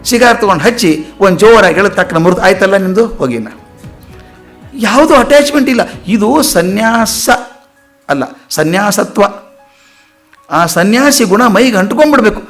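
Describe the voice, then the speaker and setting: Motivational speaker: man, raspy and fairly high, lively storyteller, soft music behind. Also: normal speed. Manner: lively storyteller acting out quoted voices. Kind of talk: storytelling lecture.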